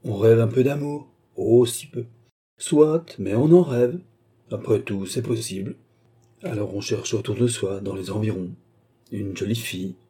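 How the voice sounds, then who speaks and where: A man voicing a calm, sharp-tongued male servant who speaks with quiet irony. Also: fairly low pitch, measured pace, breathy edge. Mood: calm, needling.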